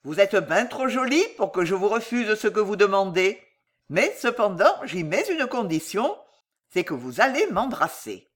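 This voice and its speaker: A woman's voice: medium pitch, big pitch swings, normal speed. A woman voicing a bold, teasing young male shepherd in a read-aloud folk tale. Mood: cheeky.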